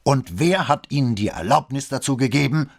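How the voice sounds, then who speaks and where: A man's voice: low-pitched, lively intonation, moderate pace, slightly rough, voice pushed up. A man reading an audiobook, voicing a stern, curt military school commandant who speaks harshly.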